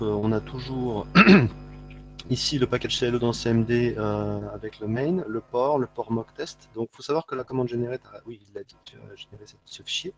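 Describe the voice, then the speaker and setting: Male speaker from France, halting delivery with fillers, mid pitch, light background hum. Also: a little mellow. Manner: halting, frequent fillers and repeats. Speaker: conference speaker. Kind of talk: live coding talk.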